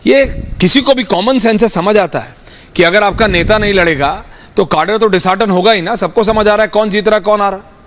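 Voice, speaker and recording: A TV news anchor moderating a live panel debate, firmly cutting in to take back the floor. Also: female voice, medium pitch, fairly quick, long reverb tail. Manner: firm, cuts in repeatedly to take back the floor.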